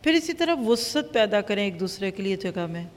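A woman teaching a Quran lesson, lively and acting out everyday dialogues as examples. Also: medium pitch, big-room sound, a little hiss or hum. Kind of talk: religious lecture.

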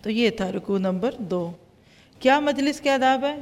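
A woman teaching a Quran lesson, lively and acting out everyday dialogues as examples. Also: fairly high pitch, in a large hall. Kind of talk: religious lecture.

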